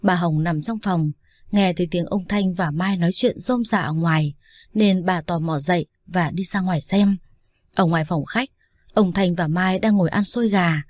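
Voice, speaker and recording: Low-voiced woman reading a story. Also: moderate pace, no room sound, clean studio sound. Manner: steady, even storytelling. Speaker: narrator. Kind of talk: scripted audiobook narration.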